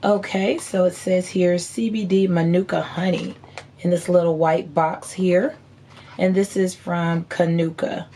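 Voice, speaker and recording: A woman in her thirties with a hoarse, worn-out voice, chatting casually and folksily as a beauty vlogger showing products. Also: lowish voice, steady tone, measured pace, mellow, slight background noise. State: hoarse, voice partly lost from screaming. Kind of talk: casual chat unboxing haul. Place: indoor room at home.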